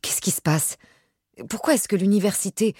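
A woman voicing a young engaged woman, passionate and easily hurt, in a husky voice raised above her narration. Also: mid-range voice, normal speed, warm tone, dry recording, studio quality, voice pushed up, close to an everyday voice.

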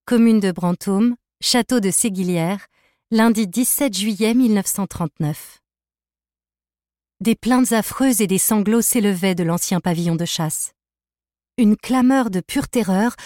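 A woman narrating a novel as an audiobook in a measured, even reading. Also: mid-range voice, no room sound, studio quality. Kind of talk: scripted narration.

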